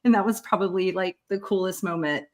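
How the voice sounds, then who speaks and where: A woman guest on a podcast, answering in a relaxed, hesitant way with many fillers. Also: on the low side, brisk. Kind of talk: casual interview answers.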